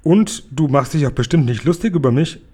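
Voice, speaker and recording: A man reading a children's book aloud and voicing a huge, very old, kindhearted male giant who jumbles his words, louder than his narration. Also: expressive, fairly quick, slightly rough. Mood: delighted. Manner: loud and booming, jumbled made-up words.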